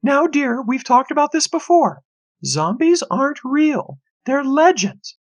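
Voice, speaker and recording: A man's voice: very high-pitched, sing-song, measured pace, voice pushed up, full character voice. A man voicing a patient, sensible mother with a singsong, condescending manner. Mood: patient condescension.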